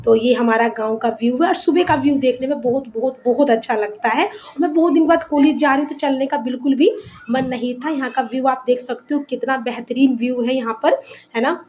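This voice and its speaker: Walking along a village road in Bihar, India, a young woman vlogs chattily, repeating words as she gathers her thoughts and occasionally sounding winded. Her darkish voice sits high and moves a little fast over a faint hiss or hum.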